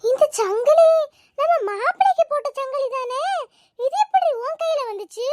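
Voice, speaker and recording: A sharp-tongued old village grandmother from a cartoon, voiced by a woman, grumbling and scolding. The voice sits very high and squeaky. It is recorded dry and close, with no room sound. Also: lively intonation, normal speed, no room sound. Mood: alarmed. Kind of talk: cartoon voice acting.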